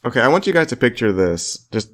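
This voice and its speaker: A man's voice: medium pitch, sing-song, quick pace. A man co-hosting a casual podcast chat in a playful, giggly way. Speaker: podcast co-host.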